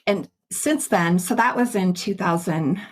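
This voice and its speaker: Upbeat middle-aged woman, podcast host, kinda low voice, chatty storyteller. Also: a little slow. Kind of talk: casual interview chat.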